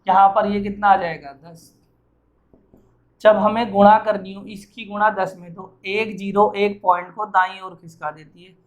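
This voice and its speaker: A man's voice: high voice, dull audio. A man teaching arithmetic who asks and answers his own questions as he works through each problem, sounding tired. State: tired and sweaty. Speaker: math teacher. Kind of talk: explaining math problems while writing.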